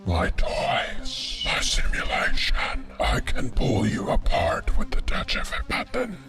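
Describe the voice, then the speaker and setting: A man's voice: mid-range voice, huge pitch swings, slow. A man voicing a menacing, godlike male ruler of darkness and consumption, scornful and domineering, over faint music. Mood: contemptuous. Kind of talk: dramatic spoken-word monologue.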